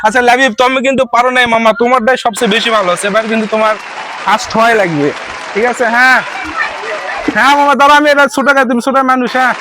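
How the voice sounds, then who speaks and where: An adult host running a children's game, coaxing and cheering the kids on with quick repeated encouragement. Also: medium pitch. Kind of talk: running a live kids' game. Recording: noisy crowd of children around.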